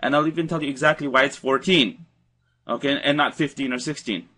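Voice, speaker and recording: A man's voice: medium pitch, brisk, sharp tone, slightly rough. A man teaching Arabic verb conjugation in a recorded slide lecture, explaining patiently and repeating key points.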